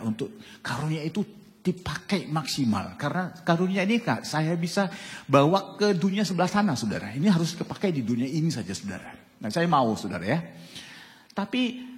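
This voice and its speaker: A man in his sixties preaching a sermon to a live congregation, animated and often tagging phrases with a direct address to the listeners. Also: fairly high pitch. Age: 60s. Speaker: pastor. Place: church hall with live congregation. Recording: echoey church hall.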